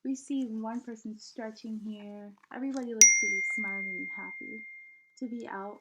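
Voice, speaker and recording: A woman with a high voice reads a picture book to children at a moderate pace, animated and expressive like a teacher, asking them simple questions as she goes. The recording is very noisy.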